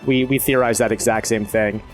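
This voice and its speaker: A man chatting casually as a player in a tabletop game, halting and hesitant. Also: on the low side, steady tone, soft background music, rough recording. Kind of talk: casual roleplay chat.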